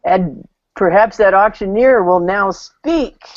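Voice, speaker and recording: A woman's voice: mid-range voice, slow pace, no echo. A woman hosting a casual chat, upbeat, asking questions and handing over to others. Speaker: host. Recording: dry, dull lo-fi audio.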